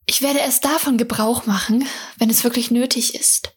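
A woman reading the lines of a prickly young water girl in a storybook, curt and scornful, with a breathy voice. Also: on the high side, steady tone, normal speed.

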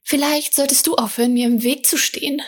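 A woman reading the lines of a prickly young water girl in a storybook, curt and scornful, with a breathy voice. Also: on the high side, normal speed.

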